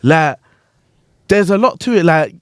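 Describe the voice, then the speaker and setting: With a fairly high voice and no rush, a grime MC hosting a podcast chats casually about life on stage. His talk is animated and slang-heavy, with check-ins to his guests and a recurring "you get what I'm saying." The studio-quality audio has no room sound.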